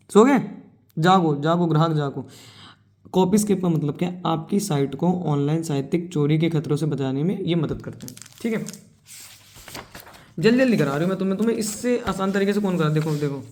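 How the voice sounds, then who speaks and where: A young woman gives a casual online coaching lecture, chatting straight to her students and slipping in teasing asides. Her voice is soft, warm and mellow, never sharp. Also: sits low. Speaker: exam coaching teacher.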